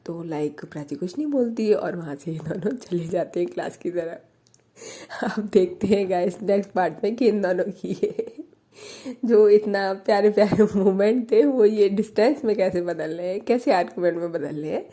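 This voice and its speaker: A woman's voice: medium pitch, normal speed, dark tone. A woman telling a love story in a casual, chatty way, often filling with "like" and talking to her listeners. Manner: chatty, fills with "like", talks to listeners.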